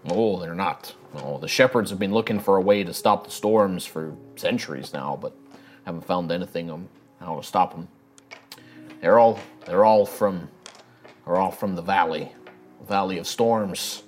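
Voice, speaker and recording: A weathered rustic elf man acted out by a male game master speaks low and plainly, with folksy country phrasing. He is a wary, gruff local in a tabletop fantasy game, with faint music under him. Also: moderate pace, natural voice. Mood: grave, matter-of-fact. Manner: plain-spoken folksy rustic talk, ain't and afeared. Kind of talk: in-character tabletop role-play.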